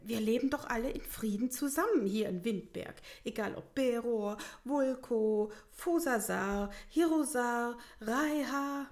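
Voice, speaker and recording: A woman's voice: fairly high pitch, unhurried, hardly any pauses, a little mellow, pitched above the performer's own voice. A woman voicing a burly, bearded male village mayor in a storybook reading. He speaks formally and presses his request with huffy insistence. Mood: formal pleading.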